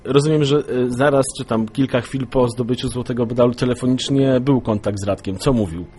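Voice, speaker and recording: Male interviewer, mid-pitched, formal and polite, faint noise behind. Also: steady tone, a little fast, mellow. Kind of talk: interview questions.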